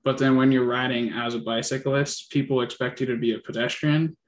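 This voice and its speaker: A man telling a personal story in a relaxed, hesitant way, with many fillers and restarts. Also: mid-range voice, fairly quick. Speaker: interviewee. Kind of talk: casual personal account.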